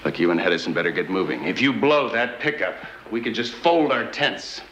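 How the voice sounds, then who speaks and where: A man's voice: on the low side, sing-song, fairly quick, a bit bright. An actor playing a scheming male crime boss who gives terse, commanding orders. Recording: roomy echo with faint noise.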